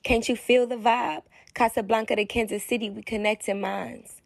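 A woman's voice: on the high side, fairly even intonation, moderate pace, creaky, no echo. A woman delivering a rhythmic, rhyming spoken-word rap.

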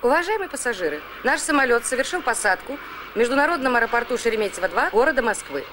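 An actress playing a flight attendant making a formal landing announcement over the cabin loudspeaker. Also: female voice, on the high side, big pitch swings, noisy background. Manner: brisk, formal, rehearsed announcement delivery. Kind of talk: 1980s film acting.

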